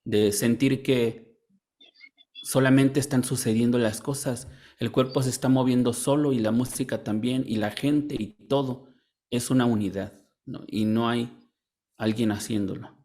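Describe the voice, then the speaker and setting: A man's voice: medium pitch, fairly even intonation, a little slow, mellow. Reflective man musing in conversation. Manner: reflective, frequent tag questions. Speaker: discussion participant, artist. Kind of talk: casual conversation.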